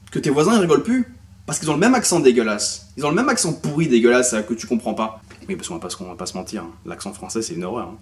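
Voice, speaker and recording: A young man from France talking casually to camera, animated and full of crude slang, as an au pair sharing language tips. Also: mid-range voice. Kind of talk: casual vlog monologue. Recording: voice slightly distant from mic.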